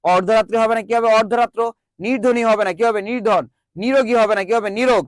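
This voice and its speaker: A man with a high, quick voice leads an online grammar class. He drills his students call-and-response style, repeating each question before answering it himself. The sound is dry and close, with no room echo. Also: fairly even intonation. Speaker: teacher. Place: virtual classroom.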